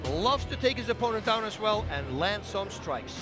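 High-pitched male fight analyst over music. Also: sing-song, normal speed. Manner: conversational, explanatory. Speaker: expert colour commentator. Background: loud music.

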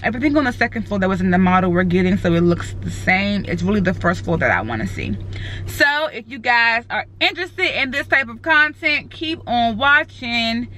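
A woman's voice: on the high side, animated, normal speed, bright, forceful tone, slight background noise. A woman in her thirties chatting casually to her phone camera, rambling with fillers as she talks. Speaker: vlogger. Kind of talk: casual vlog chat. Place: parked car, then an unfinished house. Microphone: phone held at arm's length.

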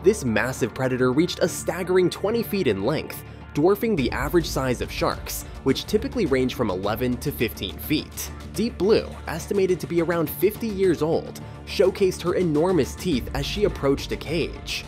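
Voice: medium pitch, big pitch swings, normal speed, darkish tone. A narrator reading a scripted nature documentary in a dramatic, presentational way. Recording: studio voice-over over music. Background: background music.

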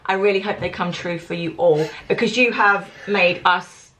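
A woman's voice: lowish voice, moderate pace, a crowd in the background. A woman with a British accent chatting casually as a mother in a family vlog, recorded indoors on a camera mic. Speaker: vlogger and mother. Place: small living room indoors. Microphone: camera mic at arm's length or on table. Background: music, children.

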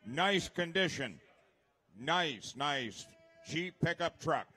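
A man's voice: a little high, expressive, slow, pushed and bright, husky, soft background music. A man announcing auction lots, describing each one in short, clipped phrases.

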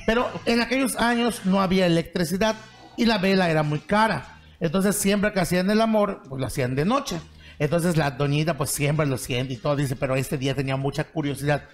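A man, a comedian co-host, telling a joke on a talk show in an animated, laughing way. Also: on the high side, fairly quick.

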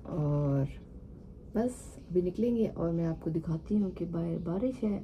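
A woman's voice: fairly low pitch, lively intonation, measured pace, highs cut off, a little hiss or hum. A woman in her thirties from Pakistan, chatting casually to camera in a travel vlog, mixing in English words, recorded on a phone set at a distance in a hotel apartment. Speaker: vlogger. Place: hotel apartment room, indoors.

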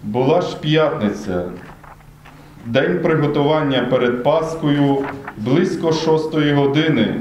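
Guy reading the passion story in church, slightly high voice, tons of echo. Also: measured pace, a little mellow, slight background noise. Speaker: narrator of the Passion. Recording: very echoey church room.

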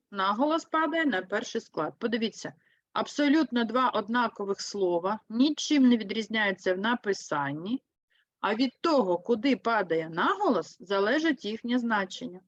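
A woman teaching an online lesson for third graders, with a Ukrainian accent, speaking slowly and clearly and putting lively stress on key words. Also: a little high, no echo, muffled recording. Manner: slow, clear, explains with lively emphasis. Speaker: primary school teacher.

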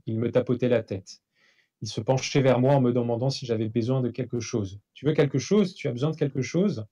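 A man, a novelist, reading a passage from his own book aloud in a steady, measured way. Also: medium pitch. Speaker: author.

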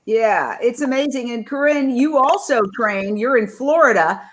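A middle-aged woman hosts a panel over a video call, her voice sitting a little high. She talks in a chatty way and turns to her guests by name with questions. The sound is a plain webcam call. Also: expressive, moderate pace, a little hiss or hum. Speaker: panel host.

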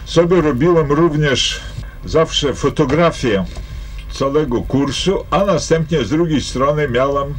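Older man, teacher, deliberate, hesitant, archival recollection. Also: a little high, slight background noise. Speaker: teacher at a fishing school.

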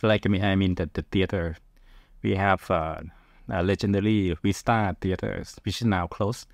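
A middle-aged Thai film director with a Thai accent answers casually as a podcast guest, often searching for words. His voice sits low and is gravelly, with a steady tone and normal speed. The recording is studio quality with no room sound.

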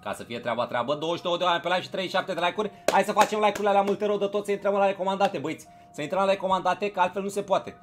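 A man with a voice a bit higher than most men chats loosely through a live stream. He greets viewers one by one, repeats his phrases and keeps urging likes. Soft music plays faintly under him. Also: few pauses. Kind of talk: casual live-stream chat.

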